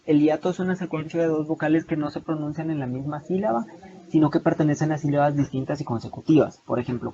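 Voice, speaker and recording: Tutoring online over a video call, a young Salvadoran-accented man speaks in a slightly high, mellow voice. His explanation is steady yet full of hesitations and restarts, and the call sounds dull and lo-fi with a faint hiss.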